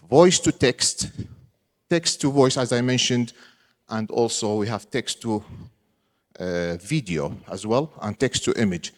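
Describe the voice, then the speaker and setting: Man presenting in a reverberant hall. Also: mid-range voice. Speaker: conference speaker, assistant professor. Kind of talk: live conference presentation. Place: large conference hall with audience. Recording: reverberant large hall sound system.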